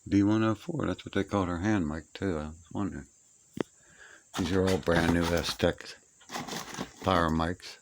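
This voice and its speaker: In a cluttered old room that's being cleared out, an older or middle-aged man casually walks through his old radio gear, musing to himself in plain, folksy talk. His low voice stays steady at a normal speed, with frequent pauses. Clicks and insect chirps come through the noisy amateur recording.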